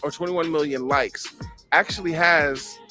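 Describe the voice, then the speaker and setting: A slightly high-voiced man hosting a relaxed talk show, animated and chatty, keeps asking "right?" to check in. There is soft music in the background. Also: measured pace. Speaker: podcast host. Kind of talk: casual chat.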